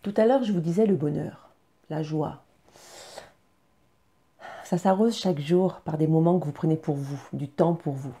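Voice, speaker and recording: A woman speaks in a low, very dark and mellow voice. She talks to her viewers in an earnest, encouraging way. She often pauses on fillers and starts her sentences over. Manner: hesitant, many fillers and restarts. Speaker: vlogger sharing personal routines. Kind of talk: casual personal vlog.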